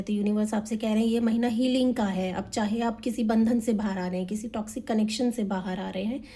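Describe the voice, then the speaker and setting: A young woman giving a tarot reading, talking fast and energetically and mixing Hindi with English. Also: mid-range voice, mellow. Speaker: tarot reader. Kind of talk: monthly tarot reading to camera.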